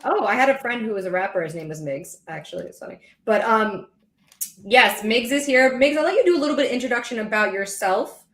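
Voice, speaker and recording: A woman's voice: on the high side, expressive, brisk, fairly bright tone, reverberant. A woman co-hosting a live podcast, bubbly and chatty, laughing often. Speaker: podcast co-host. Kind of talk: casual live podcast chat.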